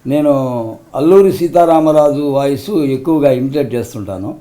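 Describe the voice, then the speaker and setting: A man's voice: fairly high pitch, moderate pace, mellow. Earnest man talking about his craft. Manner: earnest, polite, recounting. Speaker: mimicry artist guest. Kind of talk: casual interview answers.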